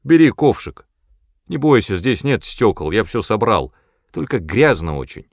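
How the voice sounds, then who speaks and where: A man's voice: on the low side, big pitch swings, a little slow, vocal fry, no echo, clean studio sound, heavily acted. A man voicing a bold orphan boy who talks back in a ringing, defiant voice. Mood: eager.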